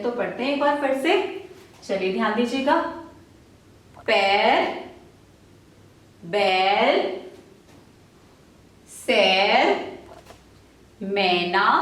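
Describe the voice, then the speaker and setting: Woman schoolteacher, slightly high voice, slow and patient, sounds far off in an echoey room. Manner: patient, repeats questions and answers them herself. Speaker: primary school teacher. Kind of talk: slow, syllable-by-syllable reading lesson for children. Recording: roomy echo, voice from a distance.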